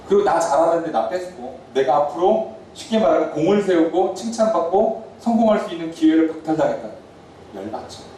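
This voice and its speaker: Man preaching, animated pitch, warm mellow tone, echoey church hall heard from afar. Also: recorded from a distance, a little hiss or hum. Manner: lively storytelling, acting out quarrels in character voices. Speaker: pastor. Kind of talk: sermon. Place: church sanctuary.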